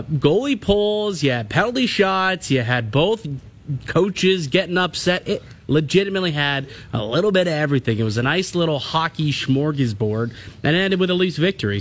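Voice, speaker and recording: A man's voice: on the high side, fairly bright tone. A man co-hosting sports radio, giving casual, emphatic analysis.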